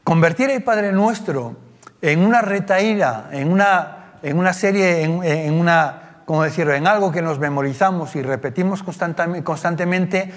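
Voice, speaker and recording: A man's voice: fairly high pitch, moderate pace. A male preacher with a Spain Spanish accent, giving a conversational sermon full of rhetorical tag questions. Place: church. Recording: long church reverb.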